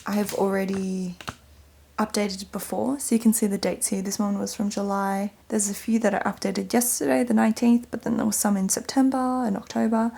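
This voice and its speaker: A woman talks casually to camera as she works through tasks in her small studio. She keeps her voice low, often slipping into a half-whisper, with a gravelly, fry-laden edge from early-morning grogginess. Her pitch sits in an ordinary middle range. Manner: talking quietly, half-whispering. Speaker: vlogger. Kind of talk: casual chat while working.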